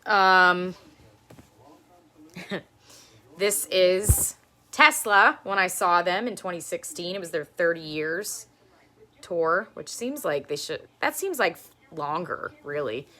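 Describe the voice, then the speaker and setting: A woman in her thirties with a low voice hosts a live-stream show and tell from home, chatting and rambling with frequent laughter. She is expressive, with a pushed, bright sound. She speaks slowly with long pauses.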